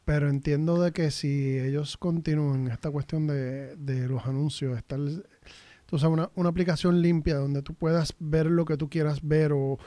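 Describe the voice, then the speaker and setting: A man's voice: on the high side, fairly even intonation, moderate pace, dark tone, no room sound. A man in a casual chat, rambling and mixing in English words.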